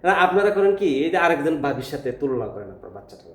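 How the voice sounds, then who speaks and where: A man's voice: a little high, big pitch swings, rapid-fire. A male English teacher speaking informally to parents, hesitant, with many filler sounds, earnest. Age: adult with a school-age child. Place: classroom. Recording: echoey room, faint ambience.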